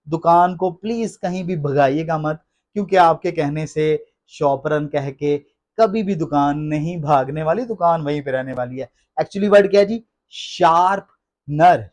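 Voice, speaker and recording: A man teaching English pronunciation, repeating each word slowly and with emphasis. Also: on the high side. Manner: repeats words slowly and emphatically, addresses listeners as friends. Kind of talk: classroom-style explanation in Hindi.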